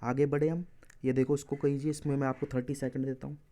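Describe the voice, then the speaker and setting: A man teaches exam reasoning one step at a time and stops to correct himself when he slips. His voice is mellow and warm, at an ordinary middle pitch. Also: level tone, quick pace, slight background noise. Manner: explains step by step, corrects himself mid-solution. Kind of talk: exam-prep lesson walking through answers.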